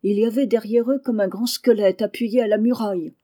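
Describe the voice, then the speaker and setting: A woman's voice: medium pitch, steady tone, brisk, warm tone, natural voice. A woman reader voicing a terrified, superstitious young peasant man who pleads and sobs in panic. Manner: panicky, tearful, breathless pleading.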